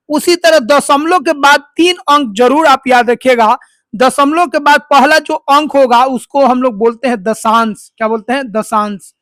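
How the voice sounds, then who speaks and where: A maths teacher explains steps slowly and keeps quizzing the listener with call-and-response questions. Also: sits high, a bit bright, dry recording, studio quality. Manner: slow, step-by-step dictation. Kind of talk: online tutorial explanation.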